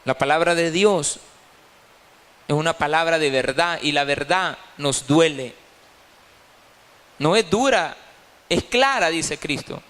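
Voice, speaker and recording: High-voiced pastor preaching. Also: male voice, takes it slowly, pauses often, fairly bright tone. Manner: emphatic preaching, repeating key phrases. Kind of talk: sermon at a Bible study. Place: church. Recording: reverberant church hall.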